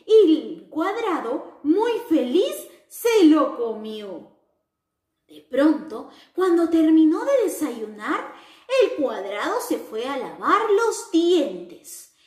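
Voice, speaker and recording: Animated, sing-song woman teacher. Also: sits high. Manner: slow, animated and sing-song, addressing children. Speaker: preschool teacher. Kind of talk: storytelling lesson for young children. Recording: roomy echo.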